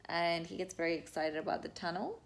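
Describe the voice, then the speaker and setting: Lively mother reviewing a picture book. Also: on the low side, a little fast, creaky. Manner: lively, acts out sound words and whispers when reading aloud. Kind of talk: casual book review with read-aloud demonstrations.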